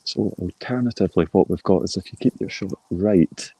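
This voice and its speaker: Low-voiced man commentating on golf. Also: brisk, mellow, breathy edge, no echo, poor audio. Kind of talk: live golf commentary, informal and explanatory.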